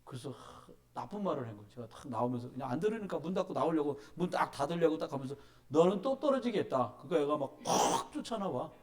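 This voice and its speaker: A middle-aged man preaching as a pastor in a church sanctuary, telling stories and urging his listeners with emphatic, animated delivery. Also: fairly high pitch, fast, hardly any pauses. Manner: animated storytelling, emphatic exhortation. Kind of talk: sermon.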